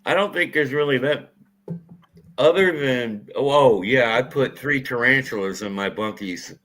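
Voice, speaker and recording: A man's voice: medium pitch, expressive, normal speed, fairly bright tone. A man speaking as a guest in a casual chat, laughing easily.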